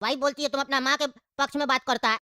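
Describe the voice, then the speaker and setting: A woman's voice: high voice, steady tone, very fast, pushed and bright, no echo, clean studio sound. A woman voicing a fed-up, henpecked married man, complaining at length about family fights in a comic cartoon. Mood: grumbling. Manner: whiny, complaining, exasperated.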